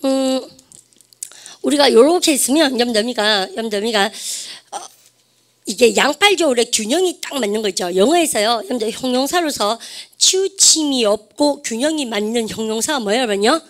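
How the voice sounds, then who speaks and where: A woman's voice: fairly high pitch, lively intonation, moderate pace. A woman English teacher lecturing exam students on vocabulary, often asking the class questions and having them repeat the pronunciation. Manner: calls herself ssaem, keeps asking the class questions and drilling pronunciation.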